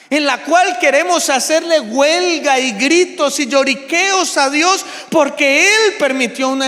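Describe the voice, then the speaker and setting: High-voiced Colombian pastor preaching. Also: male voice, pushed and bright. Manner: emphatic preaching, slow deliberate phrasing, rhetorical questions. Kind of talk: sermon. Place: large church. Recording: long church hall reverb.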